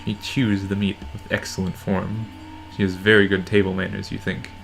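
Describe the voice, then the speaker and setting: A narrator reading a visual novel game aloud in a deadpan way. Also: deep voice, normal speed, vocal fry, music in the background, rough recording. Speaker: narrator in a let's play.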